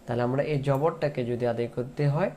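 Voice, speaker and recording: A man teaching Quran recitation, drawing out the verses in a slow chant between spoken explanations. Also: mid-range voice, warm tone, a little hiss or hum. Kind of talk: tajweed lesson with chanted recitation.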